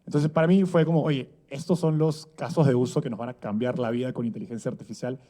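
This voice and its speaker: A man in his thirties speaks from an event stage in a mellow, relaxed voice. His talk is conversational and full of fillers and little rhetorical tags. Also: mid-range voice, fast talker. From Peru. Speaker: speaker giving a conference talk. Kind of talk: conference talk. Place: event stage before an audience.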